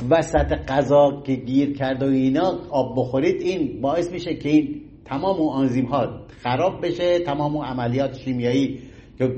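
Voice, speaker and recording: A middle-aged man giving an informal health talk in an animated, folksy way, acting out little everyday scenes. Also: medium pitch, highs cut off, a little hiss or hum. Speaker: health lecturer.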